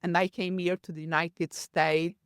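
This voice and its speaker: Portuguese-accented woman, lowish voice. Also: level tone, clean tone, no echo, clean studio sound. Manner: earnest, slightly halting non-native phrasing. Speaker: podcast guest. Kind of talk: conversational storytelling.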